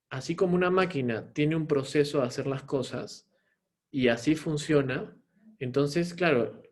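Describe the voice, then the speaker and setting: A man's voice: on the high side, darkish tone. Man lecturing on emotions, explanatory tone. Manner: explanatory, frequent tag "¿no?". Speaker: psychologist giving a talk. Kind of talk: lecture on mental health.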